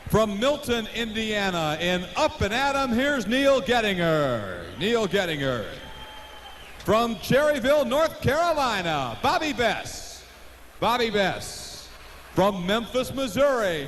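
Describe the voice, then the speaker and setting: A man's voice: high voice, big pitch swings, takes it slowly, fairly bright tone. An American man working as an arena announcer, presenting competitors like a showman and stretching out their names. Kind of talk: driver introductions at a tractor pull show. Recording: echoey, noisy live arena PA.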